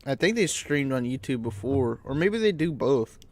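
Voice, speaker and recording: Blunt man, mid-pitched, chatting casually. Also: very animated, normal speed. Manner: blunt, slangy, swears casually. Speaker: podcast co-host. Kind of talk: casual chat.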